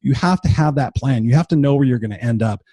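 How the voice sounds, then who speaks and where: A man's voice: mid-range voice, quick pace, dark tone, breathy edge, dry recording. A man in his fifties hosting a motivational podcast, talking bluntly and with profanity in an unscripted monologue while tired and unwell. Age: 50s.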